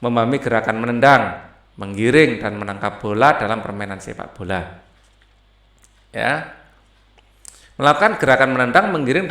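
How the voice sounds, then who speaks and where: A man's voice: medium pitch, fairly bright tone, echoey room. A man tutoring primary pupils through a textbook, explaining step by step and often checking in with "ya". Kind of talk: walking through a school textbook.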